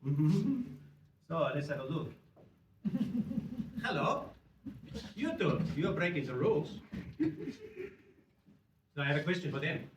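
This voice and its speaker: Man acting as cheeky Spanish charmer, Spanish accent, high voice, very lively pitch, broken English, live stage show. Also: slow, pauses often. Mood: teasing. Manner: playful, teasing, broken English. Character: flirtatious cheeky Spanish gentleman working the crowd. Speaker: actor warming up the audience. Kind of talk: stage performance with audience interaction. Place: theatre auditorium. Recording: roomy theatre recording from far off, with hall noise.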